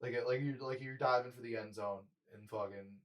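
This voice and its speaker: A man's voice: mid-range voice, fairly even intonation, fairly quick, a loud crowd, low-quality recording. Rambling, profane man in his twenties. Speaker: podcast co-host. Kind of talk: casual chat.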